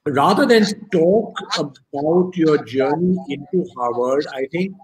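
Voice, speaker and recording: A man's voice: on the high side, expressive, measured pace, low-quality recording. A man interviewing a guest on a video call, steering with hesitant questions full of fillers. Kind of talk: casual conversation on a video call. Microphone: video call webcam.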